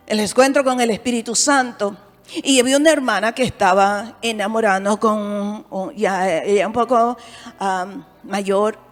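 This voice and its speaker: A woman pastor from Bolivia preaching a sermon with earnest rhetorical questions. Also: on the high side. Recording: echoey hall with faint music.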